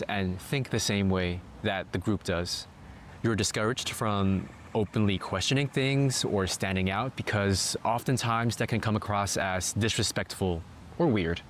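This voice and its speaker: Low-voiced man narrating a vlog. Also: a little hiss or hum. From Malaysia. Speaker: vlogger.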